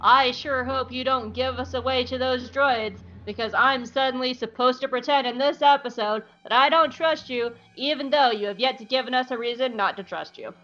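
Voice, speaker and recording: A woman voicing a dour, suspicious male clone sniper who talks slowly, on dull muffled audio. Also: high voice, sharp tone, faint music behind.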